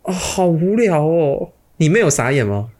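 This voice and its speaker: A young man with a Taiwanese Mandarin accent co-hosts a casual podcast with a lively voice that swings widely in pitch. He keeps asking questions and teasing his friend. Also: moderate pace. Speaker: podcast co-host. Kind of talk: casual chat.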